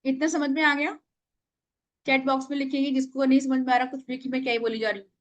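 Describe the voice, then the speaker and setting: Over a video call, a woman teaches a live online workshop, calling on participants by name and dictating affirmations slowly so they can write them down. Her voice is high and shows little pitch movement.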